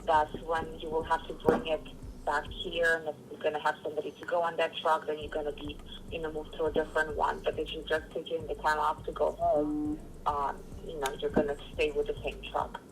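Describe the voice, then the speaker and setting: A woman's voice: deep voice, completely flat delivery, fairly quick, a little hiss or hum. A woman recruiter heard over a phone call, answering questions patiently with many hesitant fillers. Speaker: trucking company recruiter.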